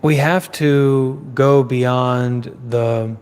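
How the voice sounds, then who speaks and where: A man giving a live Dhamma talk as a Buddhist teacher. He speaks in a measured way, repeating phrases in lists with pauses. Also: medium pitch, steady tone, a little mellow, clean tone, in a large hall.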